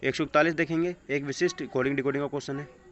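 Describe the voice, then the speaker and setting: With a fairly high pitch, a steady tone and a quick pace, a male exam coaching teacher reads questions and answers to his test-prep class. He teaches in an instructional way with English phrases mixed in, recorded on dull lo-fi audio with clear background noise.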